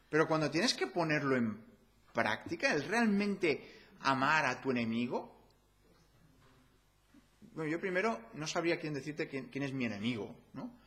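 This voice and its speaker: A man with a high, fairly bright voice and a Spanish accent from Spain preaches a sermon in church. He talks to the congregation conversationally, using rhetorical questions.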